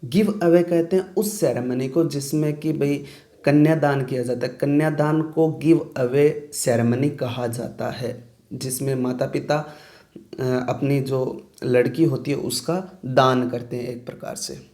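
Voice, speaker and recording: A man's voice: mid-range voice, steady tone, a little slow, warm tone. Man teaching English vocabulary. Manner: explains each word, then asks "clear?". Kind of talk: vocabulary lesson.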